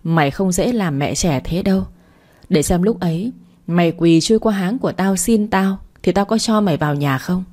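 A woman voicing a furious, abusive older mother-in-law who scolds in a rapid tirade. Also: on the low side, a little mellow, lightly acted.

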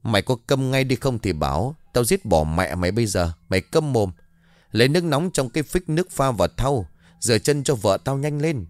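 A man's voice: mid-range voice, expressive, fairly quick, no echo, close to an everyday voice. A man doing a snarling brutal old man. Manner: snarling, barking curses. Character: brutal foul-mouthed older man, violent and coarse.

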